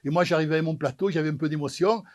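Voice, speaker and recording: High-voiced man telling a tale. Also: racing. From Marseille, France. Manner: animated, acts out the dialogue of the people in his story. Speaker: pizza maker telling his story. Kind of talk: comic storytelling.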